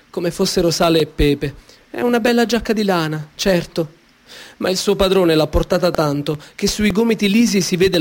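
A male author reads his own children's story aloud in a slightly high voice, his storybook narration gentle and measured, with expressive turns on key phrases.

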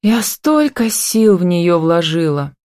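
Woman reading as a lively young heroine in love. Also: on the low side, takes it slowly, dry recording, clean studio sound.

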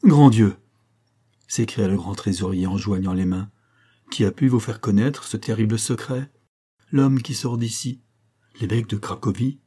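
A devoted old counselor, tender yet urgent, in a storybook reading, voiced by a male narrator. The voice is low and warm with a husky grain. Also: fairly even intonation, normal speed. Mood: earnest. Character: devoted old man, loyal treasurer.

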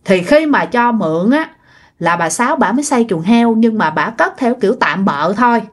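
A woman's voice: a little high, lively intonation, moderate pace. A woman telling a story in a casual, chatty way, speaking directly to her listeners.

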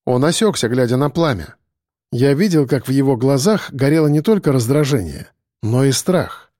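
A man narrating an audiobook in a measured, steady manner. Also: medium pitch, no room sound, studio quality.

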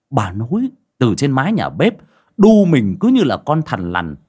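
A man's voice: on the low side, a little mellow, breathy edge. A man narrating a horror audiobook with dramatic storytelling. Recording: faint background music.

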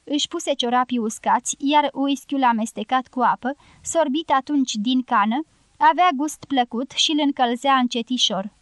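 A woman reading a novel as an audiobook in a measured, even way. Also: high voice, no room sound. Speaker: audiobook narrator. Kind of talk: scripted narration.

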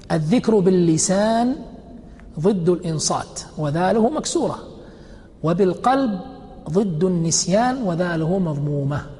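A man teaching a religious text. He reads each quoted passage slowly, then explains it and checks with his students by asking questions. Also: high-pitched, a little mellow, big-room sound. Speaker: sheikh teaching a fiqh text.

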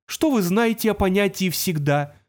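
A man voicing an ancient, gloomy male robot in an audiobook, with a creaky, grating voice and a slow, moaning, self-pitying drawl. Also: sits high, expressive, darkish tone, voice pushed up. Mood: mournful. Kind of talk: audiobook character voice.

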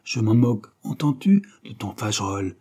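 A man reading an audiobook, voicing a brash, fiery young courtesan with sharp, taunting outbursts. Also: lowish voice, very animated, normal speed, slightly rough.

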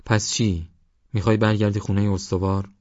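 A man's voice: lowish voice, flat delivery, a little mellow, no echo, lo-fi sound, close to an everyday voice. A man doing a pious, worried old village mother. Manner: fretful, devout.

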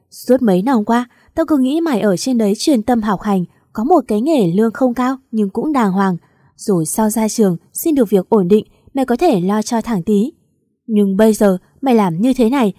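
A woman reading the part of a stern, heartbroken aging father who shouts at his daughter. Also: mid-range voice, breathy edge, dry recording, studio quality. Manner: shouting in anger.

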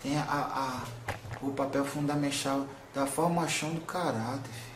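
With a steady tone at normal speed and only light acting, a male medium gives voice to a wise, soothing grandmother spirit who counsels tenderly in a middle pitch. The mood is gentle, she keeps saying "son," and the recording carries an echoey room sound with faint hiss.

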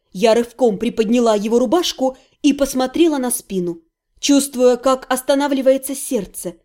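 A woman narrating a first-person fantasy audiobook in an expressive, lively reading. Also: sits high.

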